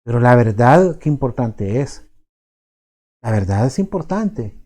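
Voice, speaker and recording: A man with a Salvadoran accent preaching a sermon as pastor, conversational and halting, often repeating words and adding tag questions. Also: mid-range voice, very animated, dark tone. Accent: Salvadoran Spanish. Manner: halting, repeats words while searching for them.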